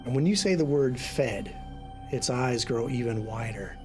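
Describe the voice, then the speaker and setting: A man with a medium-pitched voice acts as game master. He narrates a tabletop game in a casual, halting way, with music clearly playing behind him. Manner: informal, halting.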